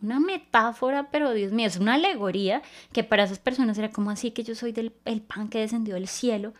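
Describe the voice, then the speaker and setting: A woman delivering a teaching sermon with a slightly high voice. She talks earnestly and explains things step by step. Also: fast talker. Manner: earnest, explanatory, walks through Greek word meanings. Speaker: preacher.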